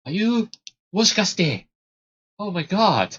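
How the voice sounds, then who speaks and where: A man's voice: sits high, very animated, unhurried, highs cut off. A man giving casual, exasperated commentary while playing a visual novel, ranting and laughing. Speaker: let's play host. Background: loud game music.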